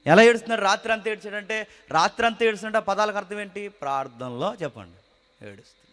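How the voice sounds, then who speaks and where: A man preaching a sermon, swinging between loud exclaiming and low murmured asides. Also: very fast.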